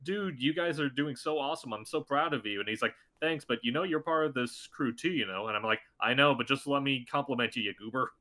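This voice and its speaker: A voice actor chats casually as a podcast guest, speaking fairly quickly with few pauses. He talks excitedly and pushes his voice up high whenever he acts out what people said.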